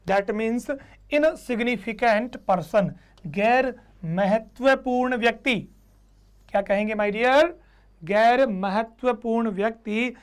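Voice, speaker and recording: A man's voice: extremely high pitch, clean tone. A man teaching a live online class, who keeps repeating points and quizzing his students. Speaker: English teacher.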